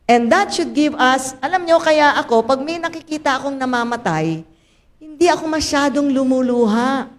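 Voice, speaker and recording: An older Filipino woman pastor with a medium-pitched voice preaches a sermon in church, switching between Tagalog and English. She speaks directly to her congregation, asks them to raise their hands, and suddenly bursts into loud, dramatic lines.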